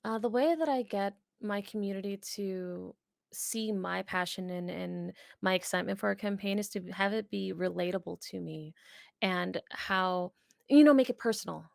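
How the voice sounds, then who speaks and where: An earnest woman streamer talks through her answers in a casual, heartfelt way. Her mid-pitched voice carries a gravelly edge. The sound is dry and close. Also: moderate pace, dry recording. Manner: earnest, many fillers and restarts, warm emphasis. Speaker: streamer and charity fundraiser.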